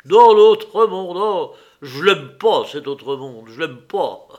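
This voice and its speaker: A troubled drunken elder brother who bursts out loud and high, bitter and afraid, as a male audiobook reader puts him on. His voice sits up high and his speech drags slowly. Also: expressive, lo-fi sound. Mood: fearful. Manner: loud, agitated outbursts. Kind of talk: audiobook character reading.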